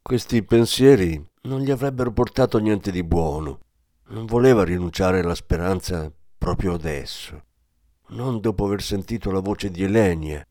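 Deep-voiced somber male audiobook narrator. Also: a little mellow, no echo, studio quality. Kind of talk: audiobook reading.

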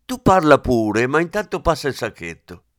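Reading the part of a cheeky, pushy male police officer, a man uses a sing-song mid-range voice at normal speed, pitched above his own yet close to an everyday voice. The studio sound is clean, with no room sound.

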